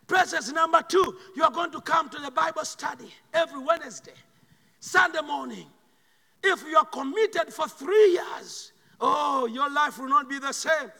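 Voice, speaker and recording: High, bright Ugandan preacher in a reverberant hall. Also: male voice, gravelly. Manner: swings between loud shouted bursts and quiet slow asides. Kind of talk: sermon.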